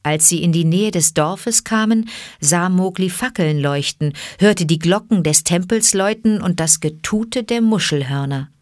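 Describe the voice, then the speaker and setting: A woman reading a classic storybook aloud with even, clear narration. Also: fairly low pitch, unhurried, no echo, studio quality. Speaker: audiobook reader.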